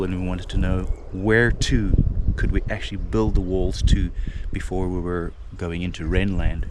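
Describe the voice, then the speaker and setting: Low-voiced man rambling outdoors. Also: noisy background. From South Africa. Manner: rambling, with many fillers and restarts. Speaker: vlogger. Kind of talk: casual outdoor vlog talk. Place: outdoors on a plot of farmland.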